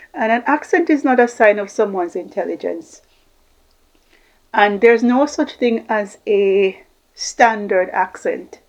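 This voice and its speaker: Talking off the cuff to camera, this communication coach, a middle-aged woman from Jamaica, has a creaky, somewhat mellow medium-pitched voice and wanders through lengthy lists of examples. The recording is slightly dull and lo-fi.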